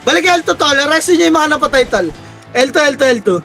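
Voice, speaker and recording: A young man with a hoarse, cracking voice shouting quick commands and countdowns to his team during a live game, swearing often. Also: very high-pitched, animated, soft background music. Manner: barks rapid commands and countdowns, swears a lot. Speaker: team shot-caller.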